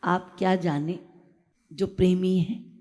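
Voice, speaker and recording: A woman's voice: on the low side, steady tone, slow, darkish tone. A middle-aged woman giving a devotional discourse, telling a story with emotional quoted voices. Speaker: spiritual preacher.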